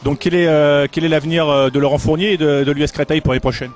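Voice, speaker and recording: A man's voice: on the high side, steady tone, quick pace, soft background music. A man presenting and interviewing for a football club video.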